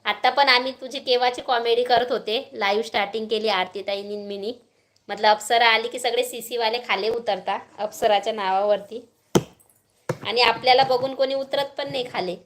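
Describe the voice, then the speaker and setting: A woman's voice: fairly high pitch, fairly even intonation, normal speed, fairly bright tone. A woman with a Marathi accent chatting casually on a live stream at home, greeting viewers by name and coaxing a small child.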